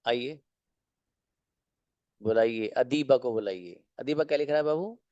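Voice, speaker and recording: A man teaching an online English class, explaining slowly and asking and answering his own questions. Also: mid-range voice, a little mellow, no echo, lo-fi sound.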